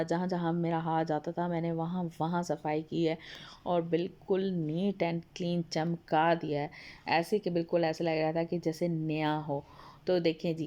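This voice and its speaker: Low, flat-voiced woman, slightly hoarse. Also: muffled recording. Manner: chatty and homely, addresses viewers politely. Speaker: home vlogger. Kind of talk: casual voice-over narration of a home video. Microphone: voice-over recorded apart from the video.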